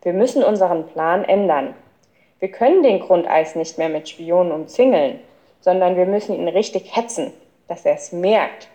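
A woman's voice: fairly low pitch, moderate pace, warm tone, lightly acted. A woman reading an audiobook, voicing a determined boy detective laying out a plan. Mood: earnest.

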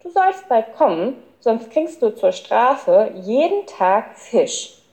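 A cheerful little girl chatters in a chirpy, raised voice, as a woman reading a storybook puts her on. Her pitch hops around brightly. The underlying tone stays soft and mellow. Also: sing-song, slow pace, heavily acted.

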